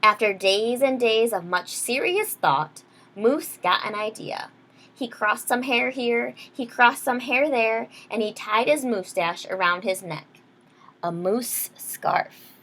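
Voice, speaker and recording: A woman with a slightly high, fairly bright voice reads slowly from a picture book to young children. During this teacher's storytime, she gives simple explanations and asks questions to keep them engaged.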